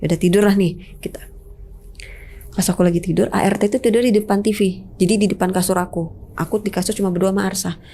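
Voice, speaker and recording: A woman tells her own ghost story as a guest in a relaxed chat. Her tone is mellow and warm, and her pitch sits in the middle. She acts out each scene and drops to a hushed whisper when she quotes others. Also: fast, slight background noise. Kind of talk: casual spoken storytelling.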